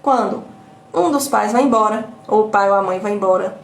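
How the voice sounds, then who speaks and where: A woman's voice: mid-range voice, moderate pace. A woman coach with a Brazilian Portuguese accent, giving a live talk that she fills with rhetorical questions and tag questions. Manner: explanatory, repetitive teaching tone. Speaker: emotional intelligence coach. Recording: roomy echo.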